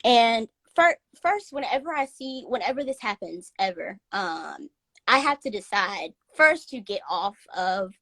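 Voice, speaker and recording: A woman from North Carolina with a light Southern accent speaks a little slowly in a slightly high, fairly bright, very animated voice. A content distributor appearing as a guest on a casual live stream, she is earnest and reflective and laughs easily. The recording is dry and of poor quality.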